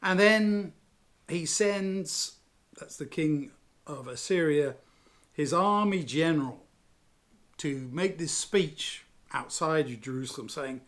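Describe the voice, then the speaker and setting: A man with a slightly high voice leads a Bible study lesson. He tells the story in a chatty, animated way, tossing in asides and small chuckles as he goes. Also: slow. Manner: lively, conversational retelling with asides and chuckles.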